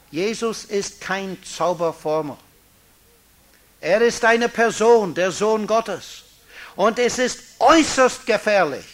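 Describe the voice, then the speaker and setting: Slow, high-voiced preacher, man. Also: a bit bright. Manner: slow, emphatic preaching with stressed key words; non-native German with small grammar slips. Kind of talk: sermon reading and explaining scripture.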